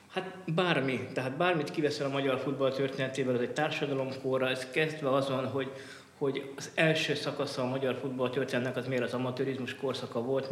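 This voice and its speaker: Male expert guest, reflective and winding in interview, mid-pitched, roomy reverberant sound with some noise. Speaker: guest, football historian and author. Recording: echoey, reverberant room with clear noise.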